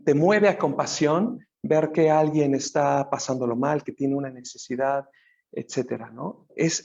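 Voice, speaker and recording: A man with a slightly high, gravelly, dark-toned voice and a Mexican Spanish accent gives a dharma talk as a Buddhist teacher. He thinks aloud, restarts often and keeps adding "right?" as he goes. The recording is dull, muffled and lo-fi.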